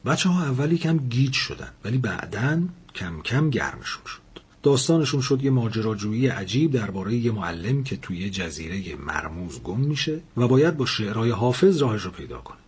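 Speaking with a low, breathy voice and barely pausing, a man recounts a story aloud. He brings it to life by voicing each of its characters in the dialogue.

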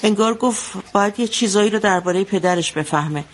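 A woman's voice: medium pitch, lightly acted. An actress playing an anxious mother who recounts a bloody wedding in a radio drama, telling it vividly. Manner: vivid storytelling, shouting out the quotes she retells.

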